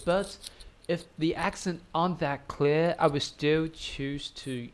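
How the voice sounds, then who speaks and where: A man's voice: fairly high pitch, steady tone. Man with a British-tinged accent. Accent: British-influenced English. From Taiwan. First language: Taiwanese Mandarin. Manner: simple phrasing, searching with "uh" pauses. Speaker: guest. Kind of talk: casual interview chat.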